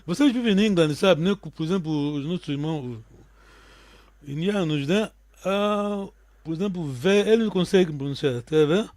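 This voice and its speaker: A man's voice: high voice, moderate pace, darkish tone, no room sound. Patient man teaching a language class. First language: Kikongo. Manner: patient, explains word by word with frequent check-in questions. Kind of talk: online language lesson.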